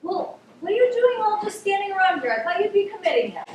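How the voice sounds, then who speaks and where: A woman playing a fussy, bossy middle-aged mother on stage with a sharp commanding delivery. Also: very high voice, sing-song, fast talker. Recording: distant stage, echoey theater, room noise.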